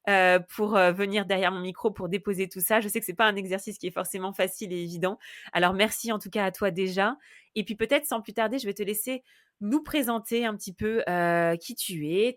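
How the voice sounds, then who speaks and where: A woman's voice: medium pitch, a bit bright, dry recording, clean studio sound. A woman hosting a podcast interview, speaking with many hesitations and encouraging her guest. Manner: hesitant, frequent fillers; encouraging backchannel. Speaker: podcast host.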